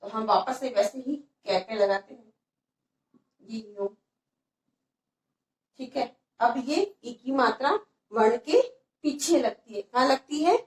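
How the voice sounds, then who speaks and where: A woman teaching children vowel signs, asking questions and answering them herself, stressing each sound slowly. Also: on the high side, roomy sound, far from the mic, rough recording. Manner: stresses pronunciation slowly and repeatedly. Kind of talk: Hindi alphabet lesson for children.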